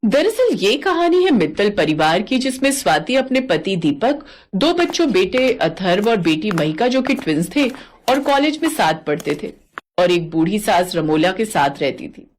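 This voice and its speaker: A woman's voice: mid-range voice, sing-song, moderate pace. A woman narrating a family cartoon story in a plain storytelling manner.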